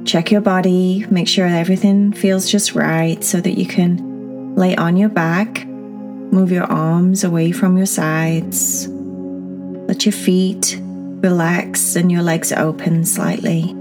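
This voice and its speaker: A woman guiding a children's meditation as a podcast host, speaking in a soft, soothing, breathy manner. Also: lowish voice, level tone, slow. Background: new-age music.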